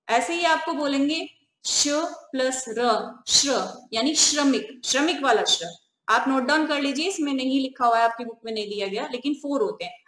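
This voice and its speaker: A woman teacher giving a grammar lesson, asking questions and answering them herself, and slowly repeating the key terms. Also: high voice, pushed and bright, reverberant.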